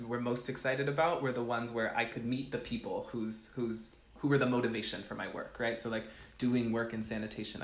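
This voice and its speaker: A man's voice: medium pitch, a bit bright. Earnest young man in an echoey room. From grew up between West Africa and the US East Coast. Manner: earnest, thoughtful, with frequent restarts. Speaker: chemical engineering professor, guest. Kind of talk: interview answers.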